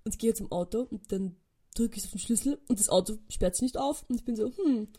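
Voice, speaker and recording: Husky-voiced young Austrian woman chatting. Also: fairly high pitch, quick pace, dark tone. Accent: Austrian German. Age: 20s. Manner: chatty storytelling, sprinkles English phrases. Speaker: podcast host. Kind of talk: casual solo chat.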